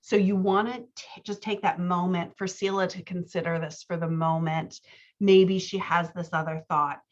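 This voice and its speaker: A woman who coaches writers and hosts a podcast gives a conversational critique of a manuscript, explaining and thinking aloud and often checking in with "right?". Her voice sits on the low side with fairly even intonation and a moderate pace, and the audio's highs are cut off.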